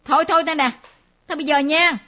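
A woman's voice: high-pitched, natural voice. A woman playing a fussy, easily alarmed mother who scolds her children in a comic stage play. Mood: exasperated. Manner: scolding, excitable, quick to alarm. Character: fussy anxious mother of the household. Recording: muffled lo-fi recording.

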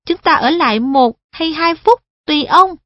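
A woman's voice: high voice, expressive, normal speed, no room sound, pitched above the performer's own voice. A woman voicing an earnest, polite young girl who speaks eagerly in a storybook reading. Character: earnest young girl guiding an old man. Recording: dull lo-fi audio, dry.

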